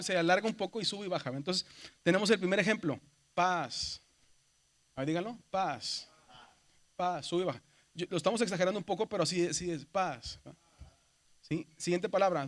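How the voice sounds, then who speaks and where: Teacher, man, middle-aged, fairly high voice, patient classroom explainer. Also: a bit bright. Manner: explains patiently, often checks understanding with "verdad". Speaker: seminary Greek teacher. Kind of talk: classroom lecture.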